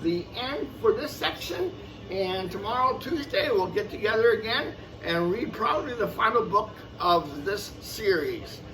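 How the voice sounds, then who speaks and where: This storyteller reads aloud from a children's picture book in a high voice with lively intonation, going a little slowly. He's expressive, adds casual asides, and repeats phrases for young listeners, though the recording is noisy and taken from a distance.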